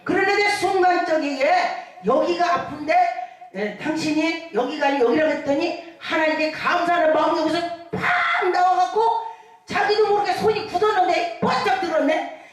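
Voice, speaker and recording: A woman pastor preaching a lively sermon, calling out hallelujahs and acting out the people in her stories. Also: very high-pitched. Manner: animated preaching with shouted hallelujahs and acted-out quotes. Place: church hall. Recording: echoey hall from far off.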